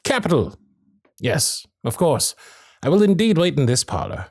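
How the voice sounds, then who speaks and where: Charming and eager, a male actor voices an infatuated Victorian gentleman suitor, courtly, witty and protective, at normal speed in a voice on the high side. His period diction is genteel and flirtatious with lively intonation. The ASMR romantic roleplay is recorded dry and intimately on a close studio microphone.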